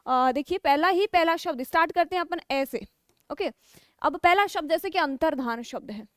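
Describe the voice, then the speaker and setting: High-voiced woman teaching spelling. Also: no echo, studio quality. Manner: explains step by step, keeps checking with 'ठीक है'; slows down to spell out key words. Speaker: Hindi exam-prep teacher. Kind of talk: spelling lesson for exam students.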